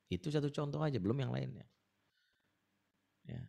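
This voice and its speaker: A male religious speaker giving a talk on a webinar. He tells stories animatedly and slips in and out of the voices of the people in them, swinging widely in pitch. The sound comes through a video call. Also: normal speed, vocal fry. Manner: animated storytelling, acts out quoted voices. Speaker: ustaz speaker.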